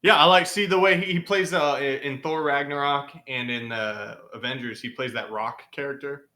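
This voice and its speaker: A man's voice: medium pitch, moderate pace, pushed and bright. A young man co-hosting a gaming podcast in casual chat, laid-back, saying "dude" and laughing often. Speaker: podcast co-host.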